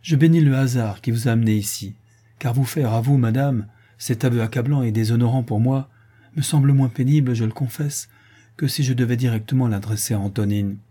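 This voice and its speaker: A man reading an audiobook and voicing a remorseful young soldier making a halting confession. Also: medium pitch, warm tone, husky, natural voice. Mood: ashamed.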